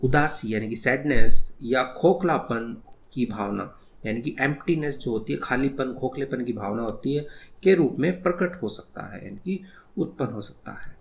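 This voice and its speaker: A man teaching English, explaining the text line by line and reading English words out slowly. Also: medium pitch, animated, creaky. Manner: slow, repetitive explaining, reads English words out one by one.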